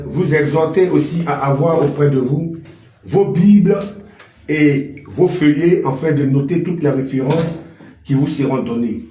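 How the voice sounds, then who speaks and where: A man presenting a religious radio broadcast, formal and measured as he introduces the guests. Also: medium pitch, dark tone. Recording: echoey room with faint hiss.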